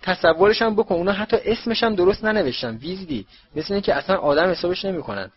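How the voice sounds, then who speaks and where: A man voicing a boastful schoolboy bully who taunts loudly for all to hear. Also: high voice, breathy edge, dull audio, pitched above the performer's own voice. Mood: taunting. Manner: taunting, loud.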